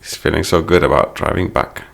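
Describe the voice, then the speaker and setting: Male English teacher, low gravelly voice, patient explainer, walks through song lyrics. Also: brisk.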